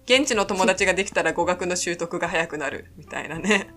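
A woman's voice: on the low side, a little fast, fairly bright tone, soft background music. A woman from Sapporo chatting casually as a podcast co-host, attentive and agreeable in how she responds. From Sapporo, Japan. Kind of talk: casual chat.

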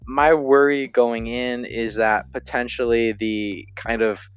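A man's voice: mid-range voice, flat delivery, slow pace, smooth. A man giving a casual spoken film review, rambling with lots of fillers and self-corrections.

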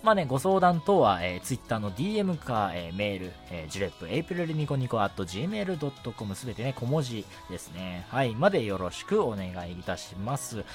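A young adult man hosts a casual solo radio show over background music, talking politely and chattily with frequent short affirmations. He's also an amateur voice actor, with a medium-pitched voice that swings widely in pitch, delivered fast with hardly any pauses.

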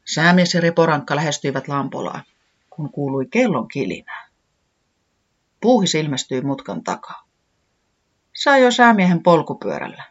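A gentle children's storyteller reading at a measured pace, with a lively, varied voice. The sound is dull and lo-fi, like an old storybook cassette. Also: medium pitch, breathy edge. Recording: dull lo-fi recording.

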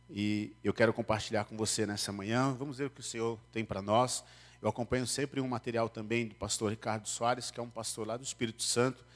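A Brazilian man preaching and reading scripture in a conversational way, his speech coming through a face mask. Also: fairly low pitch. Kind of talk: sermon with Bible reading.

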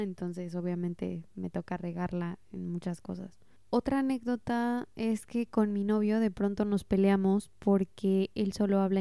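A young Mexican woman with a Mexican accent tells stories in a relaxed, chatty way and pokes fun at her own mistakes. Her voice is mellow and smooth, and it sounds dry and close, with no room around it. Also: medium pitch, no echo. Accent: Mexican Spanish. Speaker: vlogger sharing language-learning stories. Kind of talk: casual storytelling monologue.

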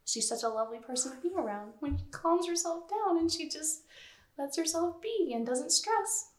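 A woman's voice: high voice, lively intonation, moderate pace. A woman co-hosting a casual chat about a cartoon, bubbly and laughing often, acting out quotes from the show. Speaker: podcast co-host. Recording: echoey room.

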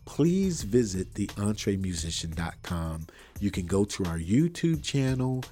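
This podcast host has a warm, bassy voice that swings widely in pitch and moves a little slowly, with soft music in the background. He runs a motivational show with a faith angle, sounding earnest and preachy and repeating phrases to drive points home. He records in a room full of wires that has no acoustic treatment.

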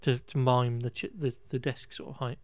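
A man with a medium-pitched, slightly mellow voice and little pitch movement speaks at a moderate pace in a dry recording. Hosting a podcast, he recaps a film in a casual, meandering way, wry and exasperated, with restarts and the odd curse.

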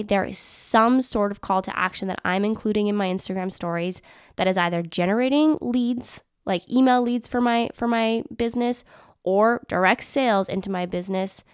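Upbeat chatty woman, smooth and dry. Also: medium pitch, moderate pace, no echo. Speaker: podcast host and business mentor. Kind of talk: casual solo podcast talk.

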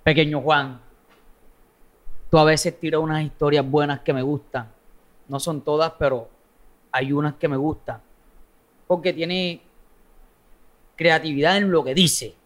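A man's voice: on the high side, fairly even intonation, measured pace, long pauses, a bit bright. A man with a coastal Colombian accent chatting casually in an interview, blunt, slangy and foul-mouthed. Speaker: social media content creator being interviewed.

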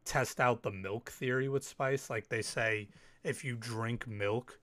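A man rants and tells stories on his own podcast, animated and loose, dropping curses and quick asides. He sounds a little sick and coughs now and then. His voice sits at an ordinary middle pitch and is recorded close and dry, with no room around it. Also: no room sound. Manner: animated storytelling, swears freely, quick asides. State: slightly sick, occasional cough. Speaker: podcast host. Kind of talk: casual solo podcast rant.

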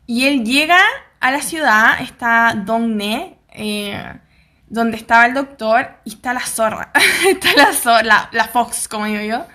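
Chatty Chilean woman with a bright voice. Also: a little high, unhurried. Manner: chatty, acts out characters' lines, slangy asides. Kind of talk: casual retelling of a TV drama plot.

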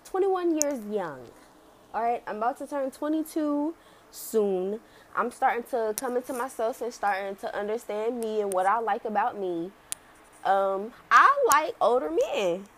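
A woman's voice: fairly high pitch, animated, a little slow, a bit bright, slight background noise. A woman of twenty-one talking casually and candidly on her own podcast, rambling and slangy. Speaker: podcast host. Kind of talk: casual solo podcast talk.

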